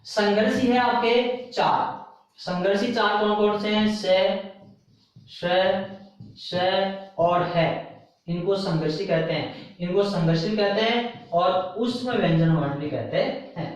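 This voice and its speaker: Male tutor, high voice, recorded far off the mic: drills terms by repetition. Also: slow pace, very echoey. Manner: repeats terms and counts items aloud. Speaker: teacher. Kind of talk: exam-prep grammar lesson.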